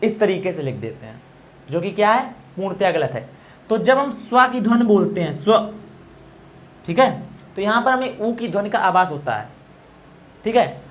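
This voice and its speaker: Male teacher, high voice, explains pronunciation by repeating sounds, slightly dull recording with faint noise. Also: sing-song, moderate pace, fairly bright tone. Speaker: Hindi exam teacher. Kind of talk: classroom-style explanation.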